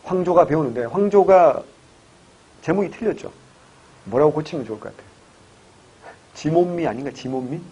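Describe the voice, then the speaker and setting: A man's voice: fairly high pitch, expressive, moderate pace, long pauses, mellow, breathy edge, muffled recording. A man teaching history for exam prep, telling jokey stories and firing rhetorical questions at his students. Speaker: history lecturer.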